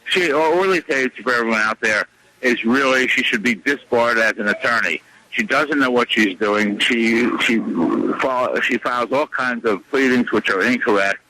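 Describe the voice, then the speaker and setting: A man speaking as a radio guest, insistent and combative, repeating his points with many pauses and fillers. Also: mid-range voice, bright, forceful tone, slight background noise, low-quality recording. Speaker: radio show guest, lawyer. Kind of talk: radio interview, phone-in.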